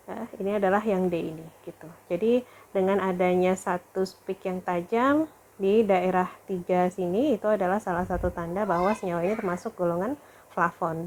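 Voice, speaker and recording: A woman's voice: mid-range voice, a little mellow. A woman lecturer talking through a recorded lesson, thinking aloud with fillers and corrections.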